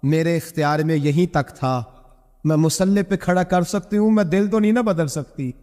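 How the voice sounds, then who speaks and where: A man's voice: fairly high pitch, dark tone, close to an everyday voice. A man voicing a devoted, pious wife who pleads humbly with her husband, in a reverberant hall. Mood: tearful prayer.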